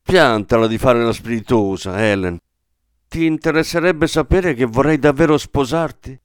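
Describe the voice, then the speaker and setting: A man's voice: medium pitch, normal speed, smooth, no room sound, clean studio sound, close to an everyday voice. A man reading the lines of a blunt, insistent young suitor in a radio reading. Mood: pressing.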